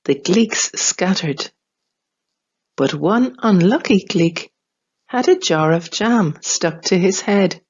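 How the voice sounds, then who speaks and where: A woman reading a children's storybook aloud, slow, clear and expressive. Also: lowish voice, muffled recording.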